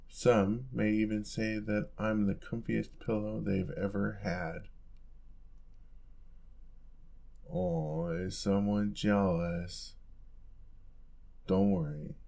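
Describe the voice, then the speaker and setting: In a cozy boyfriend-style audio roleplay, a man plays a young male roommate, speaking softly and casually, affectionately teasing and coaxing the listener. His fairly low voice carries a strong crackle of vocal fry, with a steady tone and slow pace.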